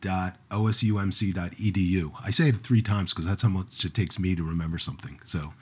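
Low husky-voiced man hosting an interview. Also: steady tone, a little fast. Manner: friendly, asks guest to repeat and clarify. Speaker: podcast host.

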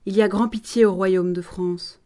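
A woman's voice: mid-range voice, steady tone, moderate pace, dark tone, lightly acted. Woman reading a solemn archangel. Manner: solemn, urging. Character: solemn male archangel, grave-voiced.

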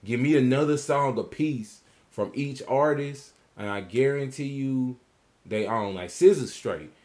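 A man's voice: medium pitch, measured pace, a little mellow. A man guesting on a podcast in casual chat, stating his opinions confidently and with emphasis.

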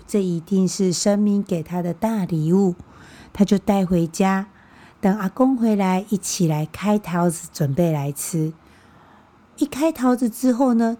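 Woman w/ a mother tongue, chill podcast host, mellow soft voice, says words twice so you can follow. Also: mid-range voice. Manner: friendly and patient, often repeating words for learners. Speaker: podcast host teaching Japanese. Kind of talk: casual explanatory podcast talk.

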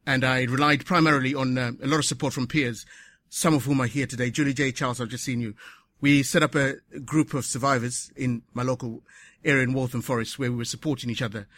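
A man speaking at a conference, short of breath, earnest and reflective, pausing to correct himself. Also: mid-range voice, fairly even intonation, a bit bright. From Zimbabwe. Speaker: conference speaker, patient advocate. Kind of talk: conference speech. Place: conference hall.

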